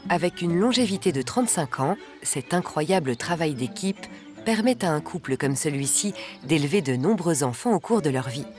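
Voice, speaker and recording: A documentary narrator with a medium-pitched voice delivers scripted nature narration over music. The delivery is measured, articulate, and expressive.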